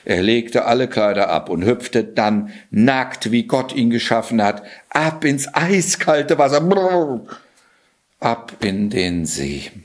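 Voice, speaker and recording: A man reading a fairy tale aloud in an expressive way, now and then adding casual asides. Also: mid-range voice. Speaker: storyteller.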